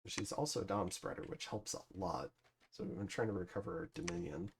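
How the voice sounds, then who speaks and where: Gravelly man casually commentating a strategy game. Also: low voice, fairly quick, noisy background. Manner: relaxed, thinking aloud, frequent fillers. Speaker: gameplay commentator. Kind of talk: casual let's-play commentary.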